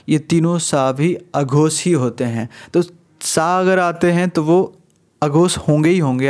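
A man teaching an exam-prep lesson, explaining slowly and patiently and repeating key phrases. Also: fairly high pitch, a little mellow. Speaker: Hindi teacher.

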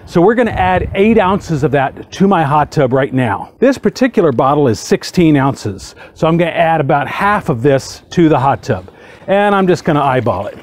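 A man's voice: fairly high pitch, big pitch swings, normal speed. A man in his forties hosting a casual how-to demo in a backyard, talking upbeat and chatty while he works. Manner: upbeat, chatty, talks while doing tasks. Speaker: hot tub how-to host. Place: outdoor backyard beside a hot tub.

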